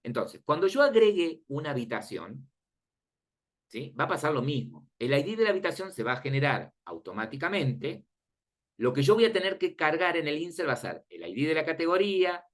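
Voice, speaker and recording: A man's voice: fairly high pitch, sing-song, moderate pace. A man teaching a class, explaining step by step and often checking that the students follow, in an informal, friendly manner. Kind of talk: classroom lecture on databases.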